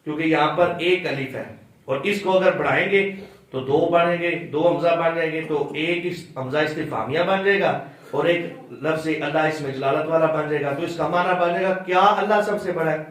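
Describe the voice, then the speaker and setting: A male religious teacher giving a classroom lesson on prayer. He explains patiently, quizzes his students, and stretches words out when he demonstrates how to say them. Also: fairly high pitch. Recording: very echoey room, distant mic.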